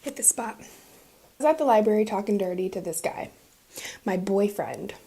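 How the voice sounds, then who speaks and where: Relaxed woman confiding a storytime. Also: medium pitch, normal speed, vocal fry, very noisy. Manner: relaxed and confiding, with asides about her drink. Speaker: vlogger. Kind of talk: casual storytime while eating.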